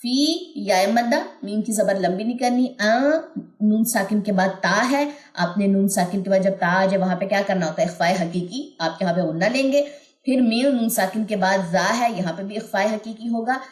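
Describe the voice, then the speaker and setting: Woman teaching, slow drawn-out examples. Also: mid-range voice. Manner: explains rules, then drags out syllables slowly to model them. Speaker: Quran tajweed teacher. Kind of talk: recorded online lesson. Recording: roomy echo.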